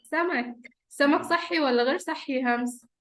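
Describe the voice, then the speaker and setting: Egyptian woman, high voice, teacher talking to little kids with simple coaxing questions and repeated praise. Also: moderate pace. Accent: Egyptian Arabic. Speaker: teacher leading an online class of young children. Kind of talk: interactive lesson for small children. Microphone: computer or phone on a video call.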